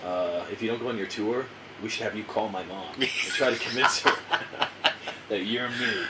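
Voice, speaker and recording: A man hosting a podcast in casual chat, telling stories in a wry, profane, animated way. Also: lowish voice, normal speed, very noisy. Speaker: podcast host.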